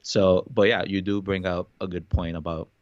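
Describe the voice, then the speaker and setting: A man's voice: deep voice, little pitch movement, moderate pace, no room sound, dull audio. A man co-hosting a podcast, chatting playfully and loosely. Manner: playful, jokes with accents, loose. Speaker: podcast co-host. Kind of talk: casual conversation.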